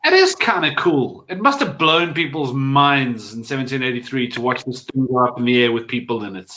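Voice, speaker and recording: A man's voice: medium pitch, lively intonation, brisk, pushed and bright, a little hiss or hum. A man co-hosting a live online quiz, easygoing and upbeat as he talks to viewers. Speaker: guest co-host. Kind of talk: casual live quiz chat.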